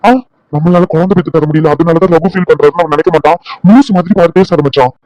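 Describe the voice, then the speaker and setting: A man's voice: fairly high pitch, steady tone, a little mellow, no room sound, highs cut off, faint music behind, natural voice. A man doing a blunt scolding doctor friend. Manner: brisk, teasing and scolding, fast bursts. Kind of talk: cartoon drama voice-over.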